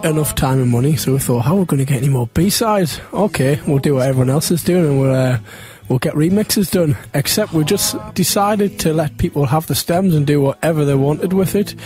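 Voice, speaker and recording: A man's voice: fairly high pitch, fairly quick, hardly any pauses, darkish tone, soft background music. A man in a band, chatting casually and matter-of-factly in a radio interview. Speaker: band member being interviewed.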